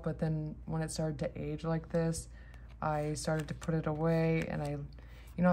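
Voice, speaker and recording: A woman with a low voice talks in a loose, casual vlog style. She rambles sleepily, drifting from thought to thought and letting sentences trail away. A faint layer of background noise sits behind her speech. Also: a little mellow. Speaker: host of a tarot deck haul vlog.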